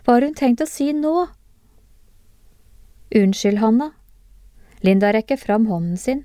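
A woman giving a calm, measured scripted narration of classroom cases for a lesson, pausing to put questions to the listener. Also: fairly high pitch, no room sound, clean studio sound.

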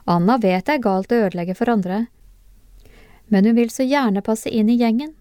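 A woman giving a calm, measured scripted narration of classroom cases for a lesson, pausing to put questions to the listener. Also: a little high, clean tone, no echo, clean studio sound.

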